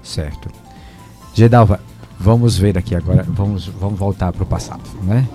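A male interviewer asking encouraging questions, with quick affirmations and easy laughter. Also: deep voice, mellow. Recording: faint music underneath.

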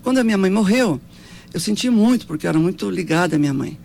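A woman's voice: mid-range voice, animated, fast, creaky, a little mellow, slight background noise. A woman in her seventies with a Brazilian accent, telling her life story in an interview in an earnest, devout way, often ending with tag questions. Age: 70s.

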